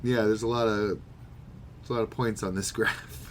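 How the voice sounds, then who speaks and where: Speaking at a moderate pace in a low, steady voice, a man co-hosts a podcast and riffs casually on manga. His humor is wry, sarcastic, and profane, and noticeable background noise is audible.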